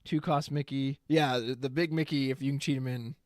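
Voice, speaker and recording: A man's voice: mid-range voice, steady tone, fairly quick, no echo, clean studio sound. A man streaming live, casually thinking aloud as he reads card text and chat comments. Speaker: streamer reviewing trading card spoilers.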